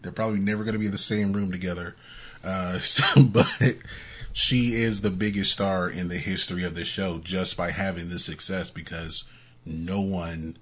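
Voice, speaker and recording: A man's voice: sits low, fairly bright tone, slightly rough. A man co-hosting a casual music podcast, chatty and laughing often between points. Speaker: podcast co-host.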